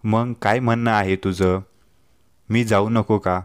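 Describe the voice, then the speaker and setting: A man's voice: on the low side, fairly even intonation, slow, clean tone, dry recording, studio quality. A man voicing a joking, loving young husband in a told story, light and reassuring. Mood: jokey. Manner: jokey, reassuring. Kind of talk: storytelling dialogue.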